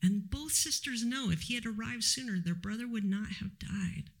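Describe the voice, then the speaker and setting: A male preacher delivers a sermon in a measured, reflective way, pausing as he teaches. His voice sits high for a man and has a gravelly fry running through it. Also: a bit bright.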